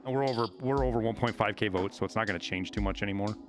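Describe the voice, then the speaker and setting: A man live-streaming a game, chatting casually and swearing as he reacts excitably to the play. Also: on the low side, racing, music in the background. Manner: sweary, excitable exclamations while playing. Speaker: game streamer, video guide maker. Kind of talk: live gameplay commentary and casual chat.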